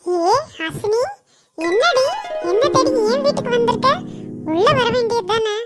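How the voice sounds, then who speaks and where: A woman doing Kani, shrill fussing cartoon friend. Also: lively intonation, a little slow, dry recording, faint music behind. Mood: welcoming. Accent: Kanyakumari Tamil. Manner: fussing, scolding, protective. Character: caring, outspoken young woman friend.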